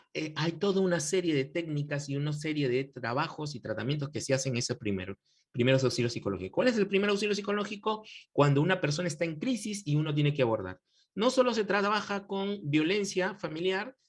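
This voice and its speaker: A man's voice: fairly high pitch, husky. A man teaching a church counseling course in a preacherly way, often asking the class questions and addressing them as brothers. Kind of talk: pastoral lecture to a class.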